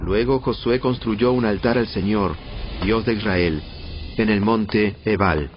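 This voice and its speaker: A man narrating a dramatized audio Bible in a measured storytelling delivery. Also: fairly low pitch. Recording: muffled band-limited audio. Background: prominent background music.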